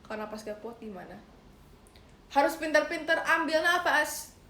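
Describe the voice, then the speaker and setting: A woman's voice: sits high, animated, moderate pace, sharp tone. A young woman hosting a casual livestream, chatting playfully with viewers and giving singing tips. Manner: chatty, playful, addresses viewers as guys, sings short demo lines. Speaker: idol livestream host. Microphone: phone livestream. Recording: roomy echo, faint background noise.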